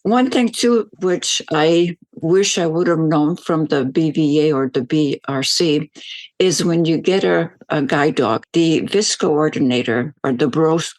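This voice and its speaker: A woman's voice: deep voice, measured pace, a little mellow, no room sound. An older woman from Belgium, a veteran ambassador, answering interview questions in a rambling, storytelling way with many fillers.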